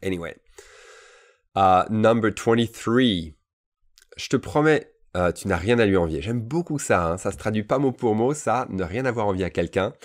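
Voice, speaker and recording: Man, very deep voice, English teacher, explains in French, repeats phrases slowly, casual asides. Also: lively intonation. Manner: casual asides with frequent "d'accord?" checks. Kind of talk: bilingual language lesson.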